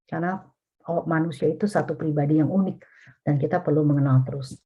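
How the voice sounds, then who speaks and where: Husky low-voiced woman teaching a webinar. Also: fast talker, muffled recording. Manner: casual, colloquial, addresses listeners as "Saudara". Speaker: vicar teaching a family webinar.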